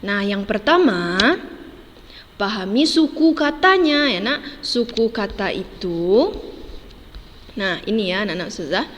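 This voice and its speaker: A woman's voice: mid-range voice, animated, a little slow, in a large hall. A woman teaching a children's lesson, patiently spelling words out syllable by syllable and tagging "ya, Nak" onto every phrase. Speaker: primary school teacher.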